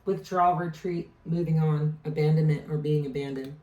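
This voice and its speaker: A woman with a low, mellow voice gives a casual tarot reading. She rambles, trails off and restarts mid-thought. She sounds set back from the mic in a roomy, echoey space. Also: steady tone, moderate pace, highs cut off. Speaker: tarot reader. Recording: echoey room, distant mic.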